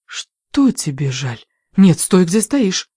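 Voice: mid-range voice, sing-song, slow pace, mellow, breathy edge, no room sound, voice pushed up, exaggerated voice. Reader doing a frightened accusing young woman; dry, close, agitated. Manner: tense, shaky and agitated. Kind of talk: audiobook reading.

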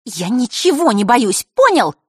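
A woman voices a scheming teenage girl, pitching above her own natural voice to sneer and taunt a rival in a mocking mood. The high voice has lively intonation at normal speed, captured in clean studio sound with no room sound.

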